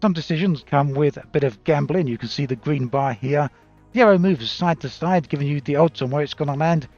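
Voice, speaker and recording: A man's voice: a little mellow, soft background music. Man on a dull, lo-fi cheap mic. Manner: measured, explanatory, occasional fillers. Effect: low-quality audio from a cheap stand-in mic. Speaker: game video commentator. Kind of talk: scripted game review commentary.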